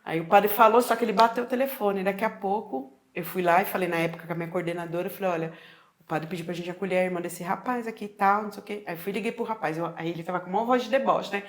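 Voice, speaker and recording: A woman's voice: mid-range voice, steady tone, quick pace. A middle-aged Brazilian woman telling her own story in a casual chat, acting out the dialogue with frequent tag questions. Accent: Brazilian Portuguese.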